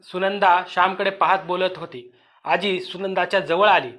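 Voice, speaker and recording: A male storyteller narrates a dramatic audio story with a high voice. He reads slowly and with emotion, sometimes restarting a word. The tone is heavy and earnest. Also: fairly even intonation, fairly bright tone. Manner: slow, emotional, with some restarts.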